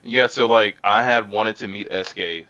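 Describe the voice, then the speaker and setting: A man co-hosting a casual podcast, telling stories in an animated, excitable way. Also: on the low side, normal speed, dry recording. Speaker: podcast co-host. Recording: dull, dry, lo-fi sound.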